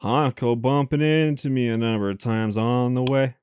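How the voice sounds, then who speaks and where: A man's voice: mid-range voice, moderate pace, darkish tone, a little hiss or hum. A man hosting a let's play, reading a visual novel's narration aloud with amused laughs between passages. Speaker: let's play host reading the game text.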